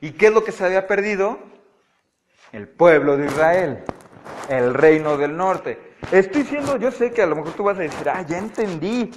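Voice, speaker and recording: Man, Bible study teacher, animated, high-pitched, asks listeners questions. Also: moderate pace, a little hiss or hum. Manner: animated, asks the audience frequent checking questions. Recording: audio-only recording of a live talk.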